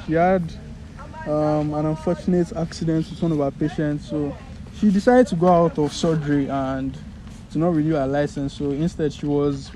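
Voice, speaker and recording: A man's voice: fairly high pitch, dark tone, slight background noise, poor audio. A young man from Nigeria with a Nigerian accent, chatting casually as a podcast co-host and often searching for words. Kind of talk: casual chat.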